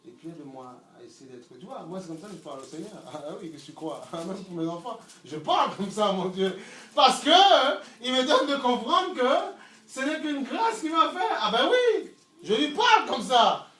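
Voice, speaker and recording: A middle-aged man preaching a sermon, swinging from loud shouts to low murmurs and repeating words as he searches for them. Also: sing-song, normal speed. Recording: echoey room, mic from far off, faint ambience.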